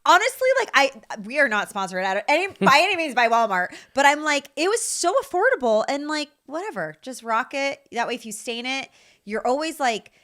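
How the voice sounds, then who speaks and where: A woman's voice: high-pitched, sing-song, brisk, a bit bright. A woman in her thirties co-hosting a podcast with her husband, chatty and casually swearing. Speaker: podcast co-host, mother.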